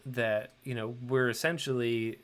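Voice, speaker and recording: A man's voice: medium pitch, fairly even intonation, a little slow, fairly bright tone. A middle-aged man hosting a livestream, chatting loosely with many ums and restarts while he draws. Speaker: host and illustrator. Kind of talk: livestream chat while drawing.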